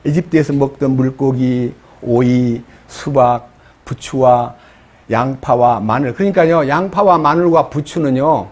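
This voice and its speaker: A man's voice: mid-range voice, darkish tone. A man preaching a sermon, reading scripture passages aloud and explaining them with rising, pleading emphasis.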